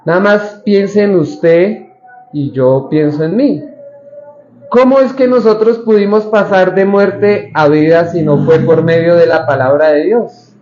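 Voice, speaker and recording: A man's voice: high-pitched, a little slow, slight background noise. A man preaching a sermon as pastor, speaking conversationally, asking the congregation questions and acting out the lines of Bible figures. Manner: acts out the Bible figures' lines in quoted voices. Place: church hall. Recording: roomy, slightly dull church recording.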